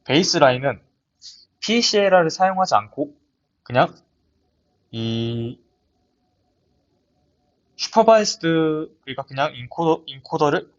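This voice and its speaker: A young man walks through a research paper in a lab seminar. His voice sits a little high and he talks hesitantly, often restarting his words. The audio is dull and lo-fi, as if from a computer mic. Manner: hesitant, many restarts and fillers. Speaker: student presenter. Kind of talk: academic paper presentation.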